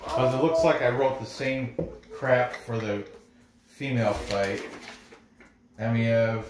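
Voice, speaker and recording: Speaking slowly with medium pitch and fairly even intonation, this host gives fight betting picks in a loose, rambling style, frequently interrupting themselves. They were born in Korea and grew up in New York. Noise and echo fill the room.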